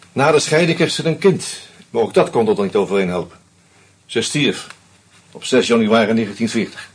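The actor playing Hans has a lowish, darkish, husky voice. Bitter and drunk, Hans narrates the radio play in first person and sardonically confronts a murderer.

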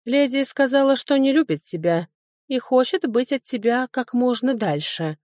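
Evasive male high lord, voiced by a woman, mocking, defensive, dry close recording. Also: animated, normal speed, a little mellow, dry recording.

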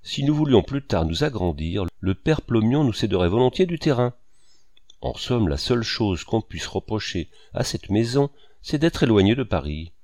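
A man's voice: on the low side, sing-song, moderate pace, a little mellow. A man voicing a pleasant, practical young woman who speaks in an amiable, matter-of-fact way.

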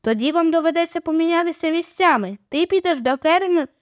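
A woman's voice: very high-pitched, expressive, quick pace, no echo, studio quality, pitched above the performer's own voice. A woman voicing a bossy young boy captain who barks orders at his friends. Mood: commanding. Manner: commanding, impatient shouting.

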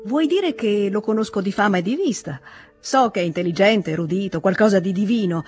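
A man's voice: high voice, expressive, a little fast, soft background music, voice pushed up. A man reading the lines of a cool, offhand young aristocratic officer in an audiobook. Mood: dismissive.

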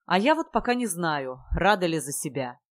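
Woman reads a cool young woman, low and even, indifferent, audiobook. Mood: detached. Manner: flat, indifferent, measured.

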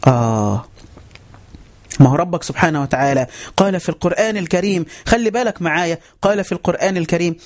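A man's voice: sits high, very fast. A man with an Egyptian Arabic accent giving a religious lesson. He speaks emphatically, repeats phrases and keeps telling listeners to pay attention. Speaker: Islamic teacher. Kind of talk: religious lesson on a voice chat app.

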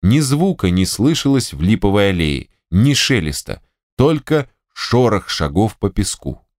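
A man with a low voice narrates an audiobook expressively. His intonation moves a great deal from phrase to phrase. The recording is dry and close. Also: measured pace, no echo. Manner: expressive storytelling.

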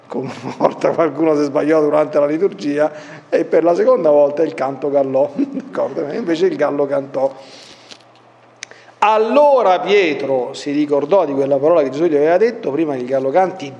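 Guy priest doing bible class, kinda high voice, reads then chats about it, big echoey hall. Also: expressive, normal speed, mellow, muffled recording. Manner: reads scripture then explains with asides. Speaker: priest giving Bible catechesis. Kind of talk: Bible study lesson. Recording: long hall reverb.

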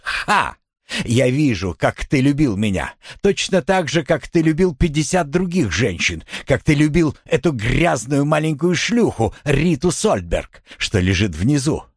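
A man voicing a furious, jealous young wife in an audiobook, with shrill, scornful outbursts. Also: sing-song, unhurried, slightly rough, no room sound, clean studio sound, exaggerated voice. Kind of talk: audiobook character voice.

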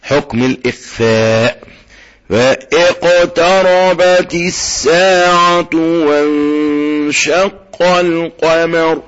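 A man with an Egyptian accent teaching tajweed. He often asks a question and answers it himself, and he recites slowly when he gives an example. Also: fairly high pitch, a bit bright, breathy edge, dull audio. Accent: Egyptian Arabic.

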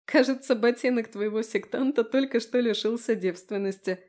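A woman's voice: fairly high pitch, normal speed, darkish tone, natural voice. A woman doing a tipsy giggling girlfriend. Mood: giggly. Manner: giggling, teasing.

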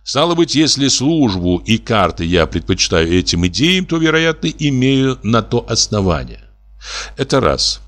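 Cold, ironic bureaucrat who lectures in a measured tone, as a male reader plays him. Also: mid-range voice, sing-song, fairly bright tone. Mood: lecturing. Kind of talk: audiobook reading.

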